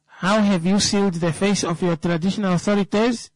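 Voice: mid-range voice, steady tone, fairly quick, no room sound, poor audio. A speaker with a Namibian accent giving an impromptu political talk, emphatic, repeating phrases and answering their own rhetorical questions.

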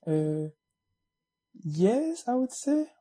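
A man in his late twenties from Cameroon, a guest speaking in a measured, slightly hesitant way. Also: high-pitched, sing-song, dark tone, husky. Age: late 20s. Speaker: panel guest. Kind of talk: casual conversation.

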